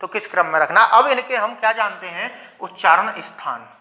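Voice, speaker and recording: Young male grammar teacher, high and bright, explains step by step with his own question-and-answer patter. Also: expressive. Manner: asks questions and answers them himself, sounds out letters slowly. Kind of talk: classroom lecture.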